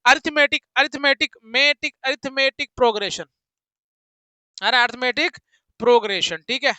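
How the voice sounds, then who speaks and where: High-pitched jokey man teaching maths. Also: moderate pace, smooth, no echo, rough recording. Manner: jokey, teasing, sing-song, switches between loud and soft. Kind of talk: playful online maths lesson.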